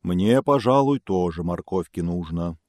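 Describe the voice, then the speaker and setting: A man doing a booming clumsy greedy bear. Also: lively intonation, a little slow, a little mellow, dry recording, studio quality. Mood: friendly. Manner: bossy, blustering.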